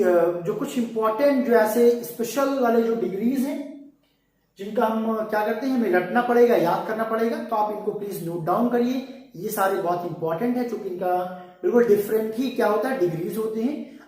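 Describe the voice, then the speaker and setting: A man's voice: high voice, a little mellow, distant mic. A man teaching an English grammar lesson, explaining step by step and often asking rhetorical questions while calling his students "beta". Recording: very echoey room, voice off-mic.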